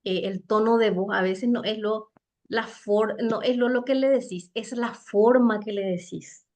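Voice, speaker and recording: A woman giving a conversational seminar talk on soft skills, chatty and halting, often tagging her points with rhetorical questions. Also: mid-range voice, steady tone. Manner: chatty, with frequent rhetorical tag questions and light laughs; loose, halting delivery with many fillers and restarts. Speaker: speaker teaching soft skills for network marketing.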